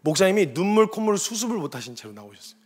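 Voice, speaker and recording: A man preaching as a missionary, telling a story with lively delivery and sudden shouted quotes. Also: sits high, racing, breathy edge. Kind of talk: sermon testimony.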